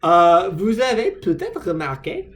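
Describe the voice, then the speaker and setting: A man's voice: high voice, wildly swooping pitch, unhurried, a bit bright. An American man, a native English speaker, talking casually in French as a learner, hesitant and self-deprecating with many fillers. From United States. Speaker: vlogger. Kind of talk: casual unscripted vlog.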